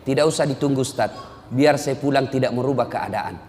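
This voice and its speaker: Man putting on a curt wealthy son, low muted voice, flat and uncaring, echoey hall. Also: fast talker. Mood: cold, dismissive. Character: rich indifferent adult son, curt and cold.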